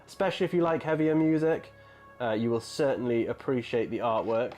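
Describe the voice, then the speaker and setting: Thirties male hobby streamer, relaxed and rambling, average pitch, soft music bed behind. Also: a little fast. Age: 30s. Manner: chatty, rambling, answers chat messages. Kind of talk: casual live-stream chat.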